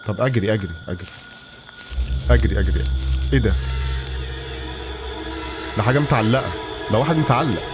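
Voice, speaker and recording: A man's voice: fairly low pitch, lively intonation, fairly quick, pauses often, over music. A man with an Egyptian Arabic accent, talking nervously to himself while playing a horror game for his channel. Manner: jumpy, talks to himself, nervous mutterings. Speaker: gaming channel host. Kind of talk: horror game let's-play commentary.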